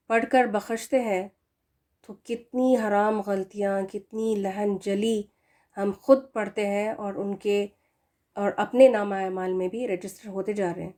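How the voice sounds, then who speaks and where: A woman teaching a recorded Quran recitation lesson who slows down to model correct and wrong pronunciations, with earnest, admonishing asides. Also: mid-range voice, dark tone. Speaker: tajweed teacher.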